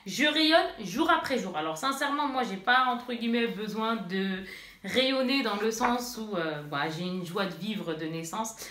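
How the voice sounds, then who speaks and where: Bright, chatty woman in an echoey room. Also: a little high. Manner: chatty, rambling, speaks straight to viewers. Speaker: mother unboxing purchases. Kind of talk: casual unboxing vlog. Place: bedroom.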